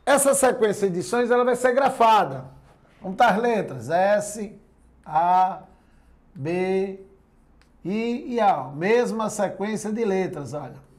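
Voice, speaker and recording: A man's voice: high voice, lively intonation, slow. A male Portuguese grammar teacher giving a classroom lecture in a Brazilian accent, explaining step by step and often checking that his listeners follow.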